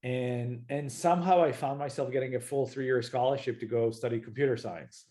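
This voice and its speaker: Israeli man, relaxed and hesitant. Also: medium pitch, normal speed. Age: 40s. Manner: hesitant, many fillers and restarts, relaxed. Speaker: guest, startup founder. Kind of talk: casual interview.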